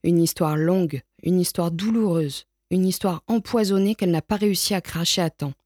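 A calm, wise old tomcat who watches over the dead speaks in a soft, patient, reassuring way, put on by a woman reading the storybook. His voice sits fairly low and the sound is close and dry. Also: normal speed, dry recording, natural voice. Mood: gentle. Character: wise old male graveyard cat, gentle and calm.

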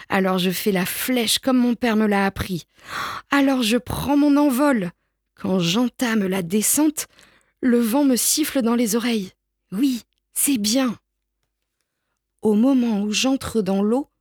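A woman reading a children's picture book aloud in a slow, gentle storytelling manner. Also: a little high, no room sound, clean studio sound. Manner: slow, gentle storytelling with lifted voices for the brother. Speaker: storybook reader.

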